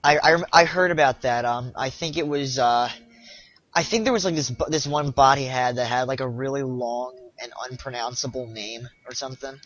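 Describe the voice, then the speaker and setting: A young man chatting casually while streaming a speedrun, halting and repeating himself as he talks. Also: mid-range voice, a bit bright. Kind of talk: casual live-stream chat. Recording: lo-fi stream audio.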